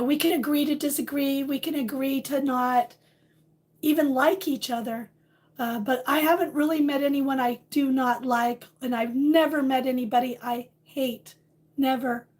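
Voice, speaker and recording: A woman with a hoarse, high voice hosts a livestream, chatting casually with viewers. She's warm and rambling and reads out viewers' names.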